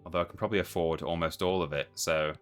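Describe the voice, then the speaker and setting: A man's voice: low-pitched, fairly even intonation, fast, soft background music. A man giving casual game commentary on a live stream, rambling and thinking aloud.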